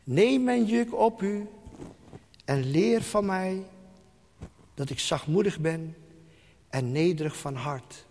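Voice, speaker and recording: Preacher guy, slow and emphatic, kinda high voice, big echoey church hall. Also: lively intonation, gravelly. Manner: slow, emphatic preaching with soft, hushed drops. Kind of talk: sermon.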